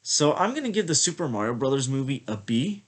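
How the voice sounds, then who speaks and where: Very animated and fairly quick, a man with a mid-range voice rambles through an informal review of a film. He's sniffling a little from a slight cold, and "like" and "I feel like" pop up all over his speech.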